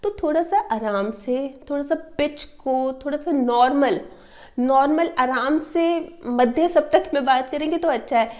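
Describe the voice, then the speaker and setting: A woman's voice: sits high, unhurried, darkish tone. A woman hosting an advice talk, explaining with everyday examples and imitating the habits she describes. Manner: mimics sounds and repeats words to illustrate. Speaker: self-help video host.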